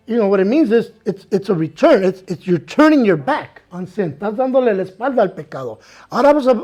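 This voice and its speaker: A pastor with a notably high voice delivers a bilingual sermon, saying each thought in Spanish and then again in English. He reads scripture aloud and slows down on the key words, while soft music plays faintly behind him.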